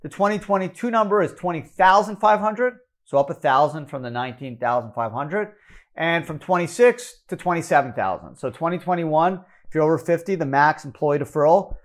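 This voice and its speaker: A man with a Canadian accent explaining retirement contribution limits, brisk and number-heavy, correcting himself as he goes. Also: fairly high pitch, animated. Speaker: financial educator. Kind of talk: explanatory talk.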